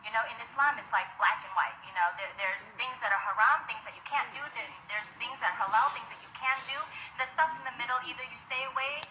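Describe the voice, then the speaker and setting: A woman's voice: on the high side, fast, hardly any pauses, pushed and bright, echoey room, faint music behind, poor audio. An American woman answering interview questions in an upbeat, emphatic way. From United States.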